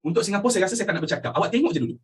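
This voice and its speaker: Animated Malaysian male history teacher. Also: sits high, very fast, slightly rough. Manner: animated, asks students questions constantly, mixes in English phrases. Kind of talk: lively classroom lecture.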